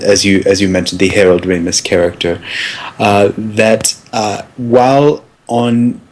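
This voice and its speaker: A man playing a pompous, fussy academic film critic in an improvised comedy sketch, halting and hesitating constantly. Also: lowish voice.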